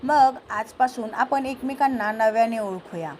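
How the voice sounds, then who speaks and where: A devoted young man in love, soft and reassuring, as a woman storyteller reads him. His voice sits fairly high, with a faint hiss of background noise under the read-aloud story. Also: a little slow, natural voice. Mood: gentle.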